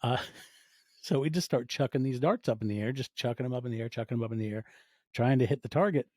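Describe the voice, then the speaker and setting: A fast-talking man in his forties with a mid-range, darkish voice speaks as a podcast guest; he produces audio fiction. In this casual interview he tells stories and acts out little quoted asides, captured in clean studio sound with no echo.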